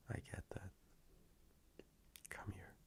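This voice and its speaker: Playing a gentle, affectionate boyfriend in an intimate audio roleplay, a man talks softly, slowly and reassuringly in a low, gravelly voice that sometimes turns breathy. The mood is relaxed and cozy.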